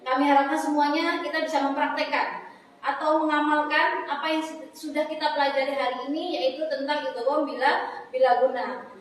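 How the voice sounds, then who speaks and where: High-voiced woman teaching Quran recitation. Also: fairly even intonation, slight background noise. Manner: chants Arabic phrases slowly, then corrects in plain speech. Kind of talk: tajwid lesson with chanted recitation examples. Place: foundation office classroom. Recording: echoey hall, far from mic.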